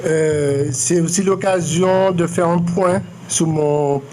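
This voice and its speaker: A man in his late forties from Martinique, speaking in a fairly high voice as he answers interview questions in a lecture room. He talks in a measured, reflective way, full of pauses and restarts. A faint hiss sits behind him. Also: steady tone, a little mellow. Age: 40s. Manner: measured, many fillers and restarts. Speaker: artist interviewed. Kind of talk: public interview, hesitant and reflective.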